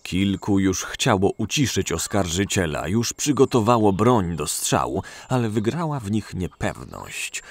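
Deep gravelly male narrator. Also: very animated, unhurried, few pauses, no echo. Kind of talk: dramatic storybook narration.

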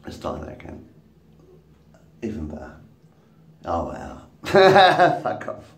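His lowish voice swoops wildly in pitch as he talks at a slow pace, a male vlogger in his fifties rambling to camera and laughing at his own swear-laced jokes. He films on a phone at arm's length in a small room, far from the mic, with roomy echo and faint background noise.

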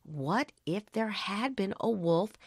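A woman narrating a children's audiobook with slow, expressive bedtime-story reading. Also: mid-range voice, breathy edge, dry recording, clean studio sound.

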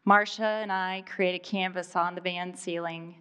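A woman in her fifties from Iowa performs a personal monologue on a live stage, speaking deliberately with dramatic pauses. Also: on the low side, fairly even intonation, bright, forceful tone, smooth. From Iowa, USA. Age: 50s. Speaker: storyteller.

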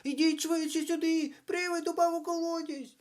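A man voicing a crowd of excited young schoolchildren calling out in alarm. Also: extremely high pitch, moderate pace, pitched above the performer's own voice. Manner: shouting, calling out.

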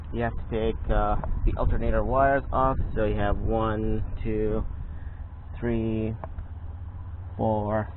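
A man's voice: fairly low pitch, narrow, tinny audio, slight background noise. Hesitant man explaining engine work outdoors. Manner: halting, many fillers, explains as he works. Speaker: amateur car mechanic vlogger. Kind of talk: casual how-to commentary.

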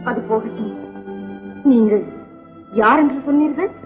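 An actress playing an earnest young princess who speaks in formal, measured, poetic phrasing. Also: female voice, on the high side, lightly acted. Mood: puzzled, grave. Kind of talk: 1960s film acting. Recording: muffled old film soundtrack with music.

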